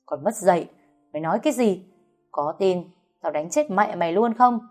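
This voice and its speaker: A woman voicing a drunken, abusive middle-aged father who shouts and wails theatrically in a storybook reading. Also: animated, normal speed, soft background music, close to an everyday voice. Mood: threatening. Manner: shrill wailing theatrical complaints.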